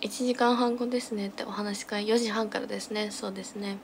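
Young female streamer, casual and absent-minded, murmuring fragments at home into a phone with clear background noise. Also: medium pitch, steady tone, a little fast. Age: young adult. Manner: absent-minded muttering in short fragments to herself and viewers. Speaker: live streamer. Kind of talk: casual livestream chat while doing makeup. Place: small room at home, indoors. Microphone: phone at arm's length.

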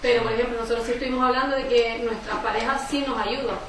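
Una mujer joven que participa en un taller y habla de forma titubeante, con muchas muletillas. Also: female voice, on the high side, steady tone, quick pace. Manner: hesitant, full of fillers. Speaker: workshop participant. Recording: echoey room, distant mic, background noise.

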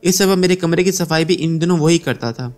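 A man narrating a long first-person story in a steady, measured way, with a somewhat high voice. Soft music plays faintly beneath his reading. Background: faint background music.

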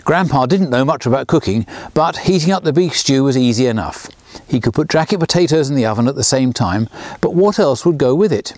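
This man, a children's author in his sixties, reads his storybook aloud at a fairly quick pace outdoors by a small railway. His storytelling is lively, with his pitch rising for the characters' dialogue. The recording is dry.

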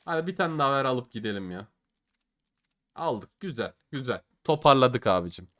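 Lively hyped young man, case-opening commentary. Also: medium pitch, moderate pace. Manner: swings between loud hype and grumbling, slangy. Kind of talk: excited gaming commentary.

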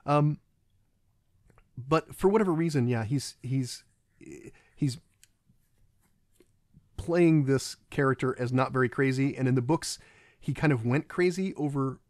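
A man's voice: on the high side, a little mellow, no echo, clean studio sound. A man giving a casual, rambling film commentary, often stopping and restarting his sentences. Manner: halting and rambling, many restarts.

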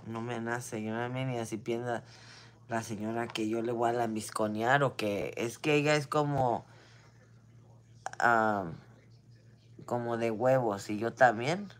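A woman with a Mexican Spanish accent and an extremely low, fairly even voice vents in a casual monologue at a measured pace, pausing often. She is blunt, full of slang and swearing, and occasionally drops in English phrases.

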